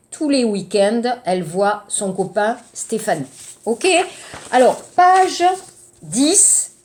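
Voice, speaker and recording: A woman teacher explains grammar at an unhurried, deliberate pace. Her voice sits a little high, and she pauses often to check that her students follow. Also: darkish tone. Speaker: French teacher. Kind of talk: classroom grammar lesson.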